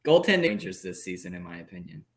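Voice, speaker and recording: A man's voice: low-pitched, sing-song, fast, a bit bright, soft background music. A man on a video call whose voice comes through robotic and choppy from a failing internet connection, breaking into clipped fragments. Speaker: co-host panelist. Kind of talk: casual sports chat over a video call. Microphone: remote call audio.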